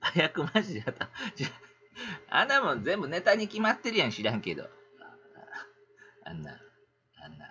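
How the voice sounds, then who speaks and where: A middle-aged man with a Kansai accent, chatting on a casual livestream in an animated, rambling, ranting way. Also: on the high side, fairly quick, long pauses, lo-fi sound, a little hiss or hum.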